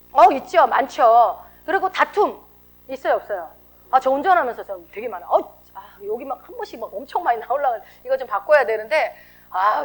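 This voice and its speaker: Woman pastor, high and very lively pitch, sermon with rhetorical questions. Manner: animated, rhetorical questions, acts out emotional outbursts.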